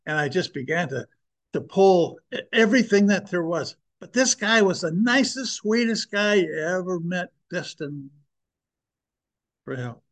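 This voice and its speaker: An older man speaking earnestly and with emphasis, preaching and sharing a personal testimony with his listeners. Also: fairly high pitch.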